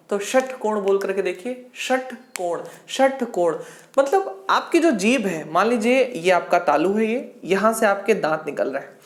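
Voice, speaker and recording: Woman hindi teacher drilling sounds out loud slowly, mid-pitch voice, echoey room. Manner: repeats questions and answers them herself. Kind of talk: exam-prep grammar lesson.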